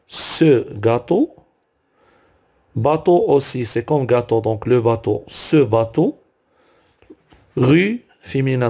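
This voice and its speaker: Male language teacher, mid-pitched, unhurried, patient and methodical, talks through drills item by item. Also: warm tone. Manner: patient, repeats each word aloud, corrects own slips. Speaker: French teacher. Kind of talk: slow explanatory grammar lesson.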